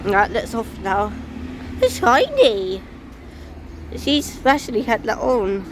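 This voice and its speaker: High-pitched woman filming buses on her phone, slow and eager, loud street noise behind. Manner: excitable, rattles off fleet numbers and plates. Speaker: transport enthusiast vlogger. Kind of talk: casual spotting commentary. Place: outdoors by streets and bus stops. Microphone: handheld phone. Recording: noisy outdoor phone recording. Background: traffic and street noise.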